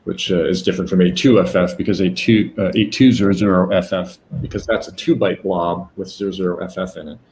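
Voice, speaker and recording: A man gives a live technical demo in a very deep voice. He stops often, filling gaps and correcting himself as he walks through the steps. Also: fairly even intonation, darkish tone, a little hiss or hum, low-quality recording. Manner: halting, many fillers and self-corrections. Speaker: presenter.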